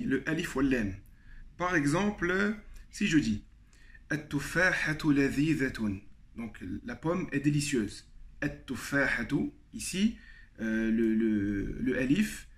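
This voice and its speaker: Fairly high-voiced man teaching a lesson. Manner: explains step by step, repeats example words slowly, frequent fillers. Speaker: Arabic teacher. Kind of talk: video lesson.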